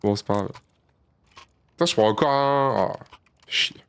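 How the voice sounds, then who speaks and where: Commenting live on his shooter gameplay, a man swears freely and mocks himself, alternating calm low muttering with sudden high-pitched outbursts. His speed is normal, and his voice is creaky yet clear and resonant.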